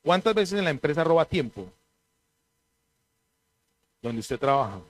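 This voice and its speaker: Lively preacher man. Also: fairly high pitch, unhurried. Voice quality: clears throat now and then. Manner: animated storytelling, mimics voices in anecdotes. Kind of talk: sermon.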